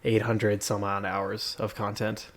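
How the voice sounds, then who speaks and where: A man's voice: on the low side, level tone, measured pace. A man chatting casually as a podcast co-host with dry, joking understatement, his voice echoing in an empty room. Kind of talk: casual chat. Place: empty room with bare walls and a desk. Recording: echoey bare room.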